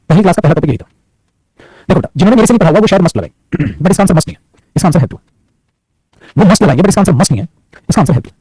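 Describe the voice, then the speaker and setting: Teaching English grammar in a Hindi-English mix, a man with a high, slightly husky and mellow voice talks fast, his pitch swooping as he teases and scolds students and calls them "beta." The low-quality recording is close and dry, without echo.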